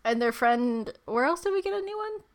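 A woman's voice: high-pitched, expressive, a little fast. A woman co-hosting a podcast in casual, slangy banter with some swearing. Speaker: podcast co-host.

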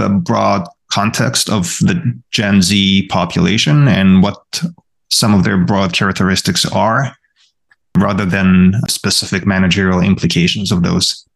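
Deep gravelly-voiced male professor. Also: steady tone, a little slow. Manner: thoughtful, many restarts and repeated words. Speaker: podcast co-host, college professor. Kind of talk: casual academic discussion.

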